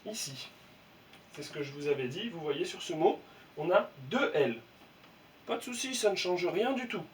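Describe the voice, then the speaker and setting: A man teaching a young class to read, slowly and patiently spelling out letters and sounds. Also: sits high, lively intonation. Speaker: primary school teacher. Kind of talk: reading lesson for young children. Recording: voice from some distance, faint room noise.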